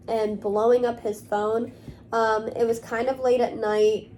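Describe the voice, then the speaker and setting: A young woman talks straight to camera in a loose, rambling way, padding her sentences with fillers. Her voice sits a little on the high side. A faint hiss runs under it. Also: mellow. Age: young adult. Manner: rambling, filler-heavy, many "like" and "um". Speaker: vlogger. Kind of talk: casual talk to camera.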